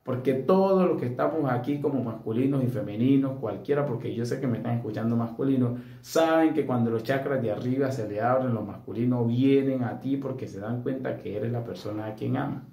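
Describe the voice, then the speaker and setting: A man's voice: mid-range voice, fairly quick, creaky, few pauses, warm tone, reverberant. A young man giving direct, earnest spiritual advice as a coach, often checking for agreement. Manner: earnest and blunt, often asking "¿sí?" for assent.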